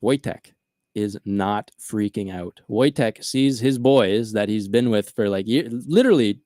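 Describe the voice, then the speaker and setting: Male podcast host, animated storyteller, casual, dry recording. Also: on the low side, measured pace, dry recording.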